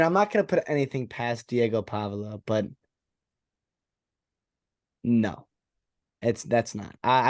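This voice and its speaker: A man's voice: medium pitch, a little mellow, dry recording, clean studio sound. A man co-hosting a college football podcast, chatting casually and peppering his points with "like" and "right?". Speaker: podcast co-host. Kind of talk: casual sports chat.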